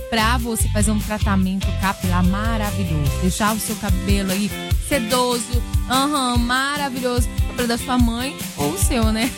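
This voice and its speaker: A Brazilian woman presenting radio giveaways in a chatty, informal promotional style. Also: fairly high pitch. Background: hip hop music bed.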